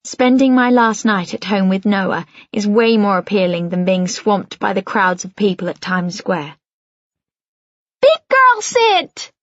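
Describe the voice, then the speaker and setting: A woman narrating a first-person audiobook in a measured, reflective way. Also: mid-range voice, steady tone, no room sound, lo-fi sound.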